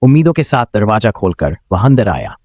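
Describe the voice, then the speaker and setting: A man's voice: on the low side, very animated, brisk, a little mellow, dry recording, clean studio sound. A man giving scripted narration as a comic recap storyteller.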